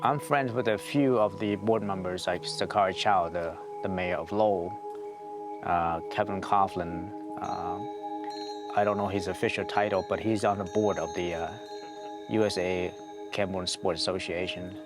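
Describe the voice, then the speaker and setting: A man's voice: sits low, steady tone, moderate pace. A man who is a volleyball coach and board member, speaking hesitantly with many fillers in a documentary interview. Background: background music.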